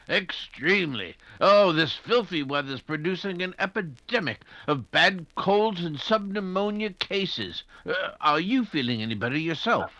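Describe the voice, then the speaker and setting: Casting: male actor as nervous doctor, loyal detective's companion; bright, high, swooping voice, stammering, radio mystery style. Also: expressive, a little slow, no echo. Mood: concerned, fussing. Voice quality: stammering, flustered delivery. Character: anxious, fussing Doctor Watson, Holmes's loyal companion. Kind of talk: old-time radio detective drama acting.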